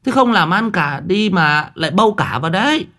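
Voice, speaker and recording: Man doing a shrill, bossy older mistress. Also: animated, normal speed, sharp tone. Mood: scolding. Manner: shrill, scolding.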